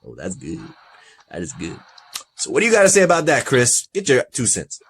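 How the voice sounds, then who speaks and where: Animated, chatty male podcast host. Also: mid-range voice, a little fast, husky. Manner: animated, laughing, reads results aloud. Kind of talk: casual review chat.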